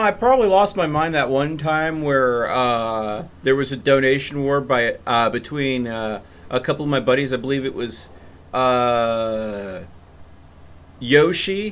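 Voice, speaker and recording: A young gaming streamer with a smooth, mid-range, fairly bright voice offers casual live-stream commentary while playing. His chat rambles and hesitates.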